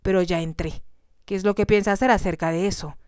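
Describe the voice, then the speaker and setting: A woman's voice: medium pitch, fairly even intonation, fairly quick, darkish tone, smooth, dry recording, clean studio sound, natural voice. A woman doing a smug, pushy intruder. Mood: smug insistent. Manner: insistent, smug. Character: pushy leering man forcing his way in.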